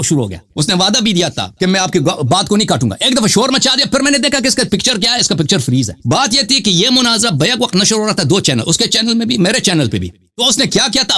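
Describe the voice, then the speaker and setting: A man's voice: high voice, pushed and bright. A man in a heated live religious debate, insistent, repeating himself and pushing on over interruptions. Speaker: religious debater and channel host.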